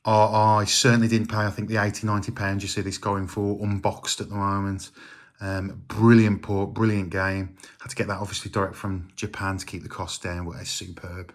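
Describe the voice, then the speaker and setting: A middle-aged man with a slightly low voice talks through his retro games in a relaxed, rambling way. He stops often with ums and uhs, like a casual home vlog. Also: moderate pace. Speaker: retro game collector.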